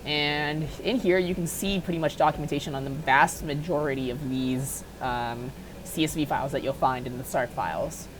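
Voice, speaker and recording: She has a low, steady voice and speaks at normal speed against a noisy background. As host of an unscripted software modding tutorial, she keeps things casual and offhand, thinking aloud throughout.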